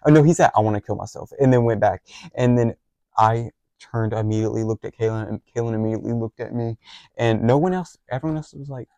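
Teenage guy, gravelly voice, rambling story, lots of ums, dry close sound. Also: mid-range voice, fast talker, warm tone, dry recording. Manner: rambling with many fillers and restarts. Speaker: podcast co-host. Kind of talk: casual chat, storytelling.

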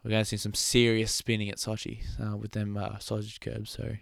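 A man's voice: on the low side, monotone, fairly quick, creaky, heavy background noise. A young man hosting a casual motorsport podcast, chatty, laughing often and trailing off mid-thought. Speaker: podcast host.

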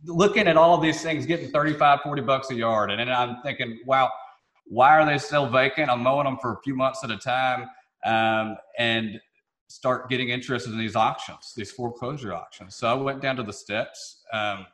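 A man's voice: medium pitch, moderate pace, a bit bright. A youngish man from Memphis with a Southern hillbilly twang, telling stories casually as an interview guest in a folksy, joking, informal way. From Memphis, southern United States. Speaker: podcast guest, real estate investor. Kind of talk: casual anecdotal interview talk. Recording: roomy, echoey sound.

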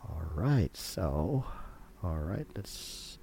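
A man with a Filipino accent hosting an informal interview in English mixed with Tagalog tags, halting and repeating his words. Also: low-pitched, very animated, warm tone, a little hiss or hum. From Philippines. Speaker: host interviewing a guest on a program.

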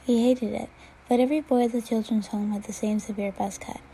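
A woman reading a story aloud with a fairly high but dark, mellow tone. Her reading is steady, with the odd stumble and restart, and a faint hum sits behind her voice. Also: a little fast, poor audio. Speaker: reader. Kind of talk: fan fiction read-aloud.

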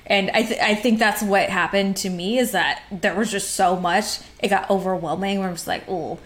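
A woman co-hosting a film podcast in casual chat, upbeat and quick to laugh. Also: medium pitch, fairly even intonation, a little hiss or hum. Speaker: podcast co-host.

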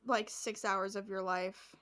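A woman's voice: medium pitch, unhurried, slight background noise. A woman co-hosting a podcast, casually recapping a show and acting out the people in it, swearing freely. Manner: animated, acts out quotes, swears casually. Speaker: podcast co-host.

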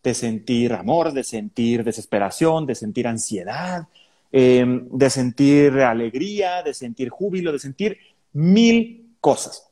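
A man's voice: medium pitch, expressive, a little slow, mellow. A man with a Mexican accent co-hosting a casual podcast, explaining points and often agreeing with "exactamente". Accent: Mexican Spanish. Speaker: podcast co-host.

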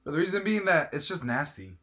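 A man's voice: fairly high pitch, sing-song, fast, bright, forceful tone. A man with a Filipino accent debating casually with friends, opinionated and emphatic, often repeating his point. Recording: music behind the voice.

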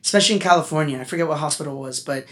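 A man, a musician guest on a casual podcast interview, talking in an animated, chatty way that turns heartfelt. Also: a little high, rapid-fire. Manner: animated, talkative, gets emotional.

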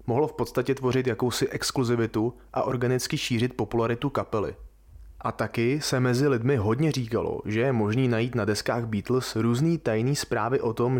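A man hosting a podcast, talking through a subject alone in an informal, colloquial, musing way. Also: mid-range voice. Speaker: podcast host. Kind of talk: casual podcast monologue.

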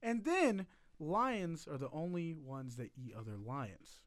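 A man's voice: fairly high pitch, sing-song, slow pace. A young man talking like a frat bro in casual podcast chat, rambling in a laid-back way with slang and swearing. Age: young adult. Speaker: podcast host.

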